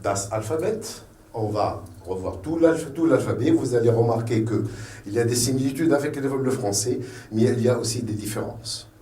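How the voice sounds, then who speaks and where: A man's voice: mid-range voice, a little fast, dark tone, echoey room, far from the mic. A man with a Tunisian French accent teaching a beginner language lesson, patiently repeating each letter and sound.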